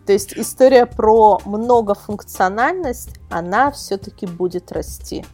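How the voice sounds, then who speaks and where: Here the woman's voice sits in the mid-range, with a darkish tone and a slightly slow delivery, over soft background music. As a guest in an interview, this product reviewer and website editor rambles casually and hammers points home through repetition.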